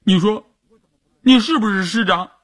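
A man's voice: big pitch swings, unhurried, a bit bright, breathy edge, exaggerated voice. A man voicing an aggrieved young male soldier who pleads and sulks in a raised, whiny voice. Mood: tearful. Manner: pleading, whiny, high-pitched.

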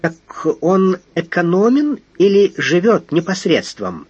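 A modest, plain army staff captain, played by a male audiobook reader, speaking politely and deferentially in a slightly husky voice. The sound is dry and a little dull. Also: sits high, very animated, unhurried, darkish tone, dry recording, pitched above the performer's own voice, exaggerated voice.

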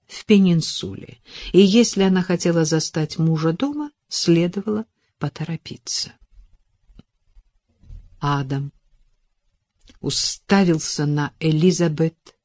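A woman narrating a romance novel as an audiobook in a measured, unhurried reading. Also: on the low side, warm tone, dry recording, clean studio sound.

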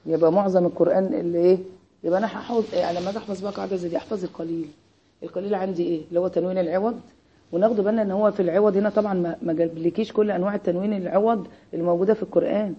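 An Egyptian woman teaching a grammar class, her voice slightly husky as she races along at a quick clip. She keeps firing "what?" prompts at her students and waits for them to answer. The recording sounds dull and lo-fi. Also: on the low side, steady tone, dark tone. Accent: Egyptian Arabic. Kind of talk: Arabic grammar lesson with call-and-response questions.

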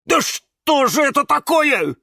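A man voicing an anxious, excitable young male cactus in a children's storybook. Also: high voice, slow pace, creaky, husky, dry recording, clean studio sound, voice pushed up, exaggerated voice. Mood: agitated. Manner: excitable, jumpy.

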